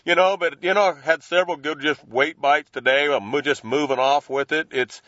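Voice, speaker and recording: A man's voice: a little high, fairly even intonation, normal speed, a bit bright, no echo, dull audio. A man speaking as an interview guest in casual, folksy, slangy language, explaining things informally. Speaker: professional angler, interview guest.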